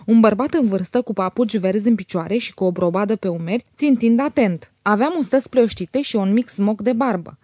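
A woman narrating a classic novel as an audiobook, in a measured, even reading on a close mic. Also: mid-range voice, dry recording.

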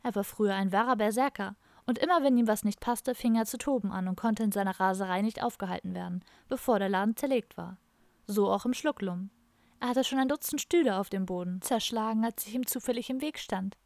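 A woman voicing a cheerful hippie woman of about fifty, lively and teasing in tone. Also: mid-range voice, fairly quick, dry recording, close to an everyday voice. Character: warm, amused hippie woman around fifty.

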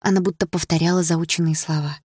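A woman reading a first-person novel aloud in an even, measured way. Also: fairly low pitch, husky, dry recording, studio quality. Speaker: audiobook narrator.

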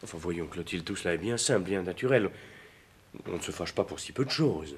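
A jealous young lover with a low voice who stammers and pleads. He swells into indignant outbursts in theatrical 1950s stage diction. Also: lively intonation, fairly quick. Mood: pleading. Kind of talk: 1950s French stage acting.

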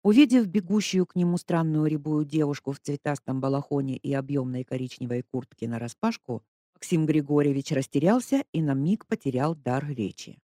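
Expressive narrator, mid pitch, dry close recording. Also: brisk, no room sound. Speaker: audiobook narrator. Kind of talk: scripted narration.

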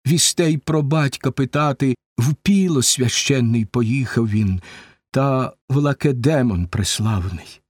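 A man's voice: mid-range voice, a little slow, no echo, clean studio sound, natural voice. Man voicing a worried, sensible herald.

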